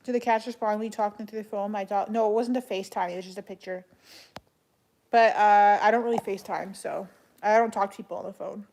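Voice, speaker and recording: A woman chatting casually on a livestream as she answers viewers, speaking in a flat monotone with a creaky voice. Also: medium pitch, fast. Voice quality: creaky vocal fry. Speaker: live streamer answering chat.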